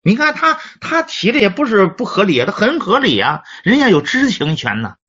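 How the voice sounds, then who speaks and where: Lively man lecturing, husky voice. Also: sits high, fairly quick. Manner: lively, repeats and restarts words. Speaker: Chinese medicine teacher. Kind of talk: storytelling lecture. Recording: dull lo-fi recording.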